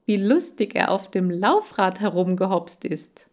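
A bright, gushing little girl, as a woman reads her lines, her voice jumping high with delight. Sweet and eager in a storybook. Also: expressive, a little slow, lightly acted. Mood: excited.

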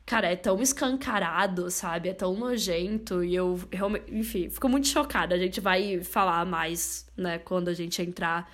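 A woman's voice: lowish voice, normal speed, few pauses. A young woman co-hosting a podcast, speaking emphatically and often adding tag questions. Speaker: podcast co-host. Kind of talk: casual podcast discussion.

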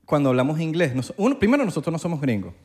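A man's voice: on the high side, very animated, racing, a little mellow, breathy edge. A Venezuelan man hosting a casual chat, joking around and mimicking other accents. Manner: playful, jokes and mimics accents.

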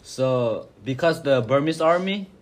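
A young man telling a family story in casual talk, halting and repeating himself. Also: medium pitch, lively intonation. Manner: halting, repeats words, plain speech. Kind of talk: casual classroom discussion.

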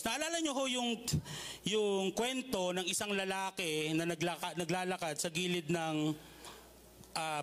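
A man's voice: sits high, a bit bright, a little hiss or hum. A male pastor giving a conversational sermon, telling humorous stories and checking in with the listeners often. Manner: conversational, with polite asides and frequent "okay?" checks.

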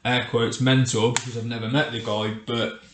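A middle-aged man hosts a solo podcast in a casual, conversational way. His voice sits at an ordinary male pitch and rings with the roomy echo of a home kitchen. He addresses the listener directly, as if chatting one to one. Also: flat delivery, moderate pace, a little hiss or hum. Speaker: podcast host. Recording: echoey, roomy kitchen sound.

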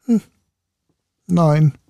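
A man voicing a fearless, quick-witted young woodcutter's son in a storybook reading, in a raised, gravelly voice. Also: a little high, no echo, clean studio sound, voice pushed up, heavily acted. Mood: firm. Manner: quick, lively, unafraid.

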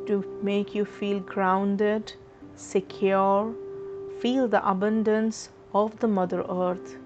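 Woman meditation guide, unhurried soothing delivery, slightly muffled audio over soft music. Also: medium pitch. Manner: slow, soothing, instructive.

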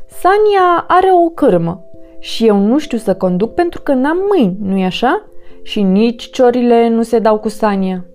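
A woman voicing a curious, cheerful young female cow in a storybook, excited and moo-ing. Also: on the high side, soft background music, close to an everyday voice. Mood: pleading.

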